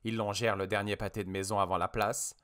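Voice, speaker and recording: A man reading an audiobook with expressive, dramatic narration. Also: on the low side, fast talker, smooth. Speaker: audiobook reader.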